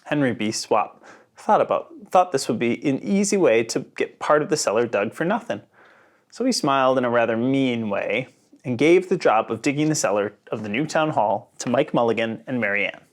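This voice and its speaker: With a mid-range voice at normal speed, a storybook reader brings a children's picture book to life, reading it aloud in a lively, expressive way.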